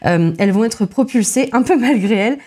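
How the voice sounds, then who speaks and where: Woman, mellow voice, chatty film talk. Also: a little high, animated. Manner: many filler pauses, restarts, self-deprecating asides. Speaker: film podcast co-host. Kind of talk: casual film analysis chat.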